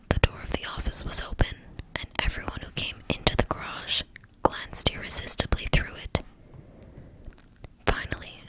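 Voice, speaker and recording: A woman reading a novel aloud as ASMR in a hushed, breathy whisper. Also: low-quality recording. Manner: hushed, fully whispered narration.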